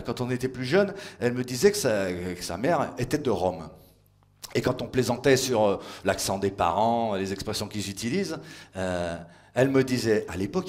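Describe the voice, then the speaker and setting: A man from France of Italian family doing stand-up on stage as a teasing mock teacher, full of playful asides. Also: medium pitch. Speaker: stand-up comedian. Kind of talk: comic mock language lecture on stage. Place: stage before a live audience.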